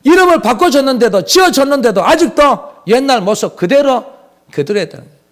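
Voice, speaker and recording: Male pastor, high and lively voice, emphatic preaching with rhetorical questions. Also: fairly quick. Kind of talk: sermon.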